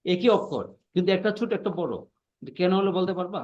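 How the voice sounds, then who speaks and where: High-voiced patient male language teacher. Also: expressive, fast talker, a little mellow, muffled recording. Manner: patient, repeats points and checks understanding. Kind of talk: online class explaining pronunciation.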